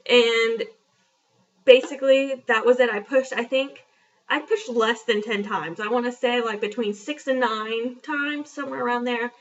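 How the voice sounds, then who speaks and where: A young woman with a slightly high voice talks through a personal story in a frank, chatty vlog, full of fillers and little asides. She sits back from the camera, so the sound is a bit distant. The recording itself is dull and lo-fi. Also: fairly even intonation, normal speed. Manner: chatty, frank and self-deprecating, with many fillers. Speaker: vlogger. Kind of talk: casual storytelling.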